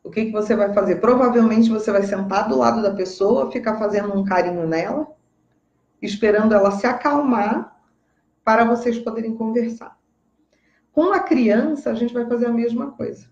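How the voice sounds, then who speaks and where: Woman, Brazilian Portuguese accent, parenting educator, fairly high voice, emphatic chat, roomy dull recording. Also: moderate pace, darkish tone. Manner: chatty, emphatic, often checks in with "tá?". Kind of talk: casual advice talk to parents.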